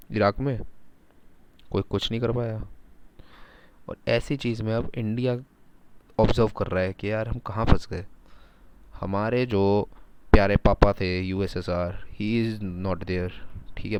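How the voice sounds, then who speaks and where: A man giving a casual, animated lecture, mixing Hindi and English, asking his students rhetorical questions. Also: lowish voice, clear, resonant tone. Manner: animated, talks in first person as a country, rhetorical questions. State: sore throat. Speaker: teacher.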